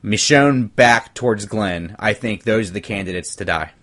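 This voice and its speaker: A man's voice: fairly low pitch, normal speed, fairly bright tone. A man hosting a podcast, talking loosely and rambling, often restarting his sentences. He swears casually as he chats into a desktop mic. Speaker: podcast host. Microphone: desktop USB mic.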